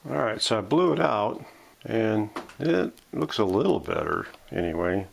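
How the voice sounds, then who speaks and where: In his home workshop, a man hosting a vintage radio restoration video narrates casually as he works, step by step, voicing his thoughts in mutters. His lowish voice has vocal fry and is very animated yet unhurried, with slight background noise.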